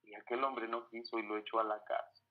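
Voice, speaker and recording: A man's voice: on the low side, little pitch movement, fairly quick, phone-quality sound. A man preaching a sermon on forgiveness. He speaks earnestly, asks his listeners rhetorical questions, and addresses them as brethren. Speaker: preacher and biblical counselor.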